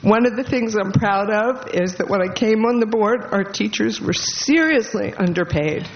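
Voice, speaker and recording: Teary woman saying goodbye at a board meeting, halting and choked up, muffled lo-fi sound with a bit of hiss. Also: mid-range voice. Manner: emotional, halting, laughing through tears. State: tearful, voice catching. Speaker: departing school board member. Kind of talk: farewell speech at a public meeting. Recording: dull lo-fi meeting recording with faint noise.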